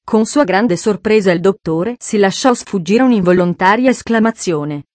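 A woman reads a children's novel aloud in a measured, expressive narration. Her voice sits at an ordinary pitch and is recorded close and dry, with no room sound. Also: no echo. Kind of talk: audiobook narration.

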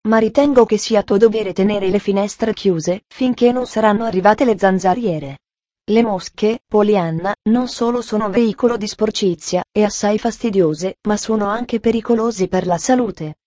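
A woman's voice: mid-range voice, moderate pace, darkish tone, no echo, close to an everyday voice. A woman reading aloud and voicing a stern, strict middle-aged aunt with a stiff, reproachful manner.

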